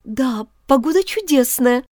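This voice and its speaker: A woman's voice: high voice, animated, unhurried, a little mellow, no echo, pitched above the performer's own voice. Storybook girl, outspoken and firm , voiced by a woman narrator, close dry read. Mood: bold. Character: bold, frank little girl.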